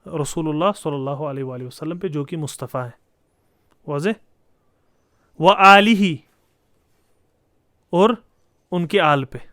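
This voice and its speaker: A man's voice: a little high, pauses often, no echo, clean studio sound. A man giving a classroom lecture on Arabic grammar, explaining step by step and posing rhetorical questions to his students. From Kashmir.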